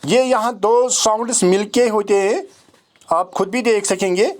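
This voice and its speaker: A man's voice: high-pitched, unhurried. A male teacher with a Pakistani accent giving a phonetics lesson, drawing out and repeating each vowel sound.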